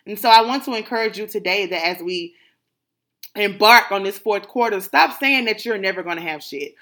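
A woman's voice: mid-range voice, sharp tone. A woman hosting her podcast, speaking in casual motivational chat with emphatic, preachy affirmations. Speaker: podcast host.

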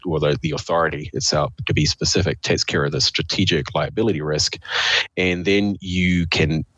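A man with a croaky, froggy voice, hoarse from a cold, explaining things step by step in a conversational interview. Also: sits low, a bit bright, dry recording. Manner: explains step by step, posing questions to himself. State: hoarse with a cold, clearing throat. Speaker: interview guest, official of a state energy authority.

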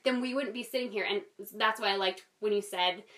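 A woman's voice: mid-range voice, a little fast, fairly bright tone, distant mic. A woman hosting a casual podcast conversation, speaking in an earnest, candid way, with S sounds that whistle. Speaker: podcast host.

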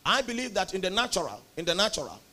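A young Nigerian man with a Nigerian accent preaching a sermon, emphatic, with loud bursts on key words. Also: high voice, big pitch swings, quick pace. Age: young adult.

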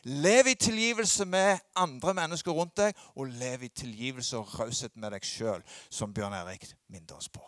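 Emphatic pastor preaching. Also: male voice, no echo, clean studio sound. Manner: swings between loud emphatic peaks and low quiet asides. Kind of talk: sermon.

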